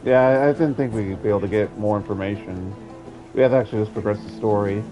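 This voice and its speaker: A man's voice: fairly low pitch, fast talker. A man giving casual commentary as he plays through a video game. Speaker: gaming commentator. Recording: muffled lo-fi sound, faint game music. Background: game audio with music.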